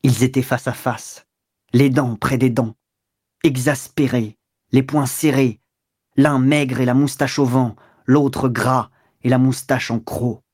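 A man narrates a classic novel in measured, even audiobook style. His voice sits at an ordinary middle pitch. The recording is close and dry. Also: slightly rough, dry recording.

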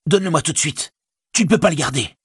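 A man's voice: medium pitch, normal speed, husky, no echo, studio quality, pitched above the performer's own voice. A man voicing a burdened, haunted young hobbit in an audiobook, speaking intensely in a raised voice. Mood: frantic. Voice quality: intense, despairing. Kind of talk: audiobook character voice.

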